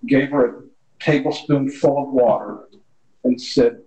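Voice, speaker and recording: A man relaxed in telling a parable during a church Bible study discussion in a meeting room. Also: medium pitch, measured pace, reverberant, low-quality recording. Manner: relaxed storytelling with quoted dialogue. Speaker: class member.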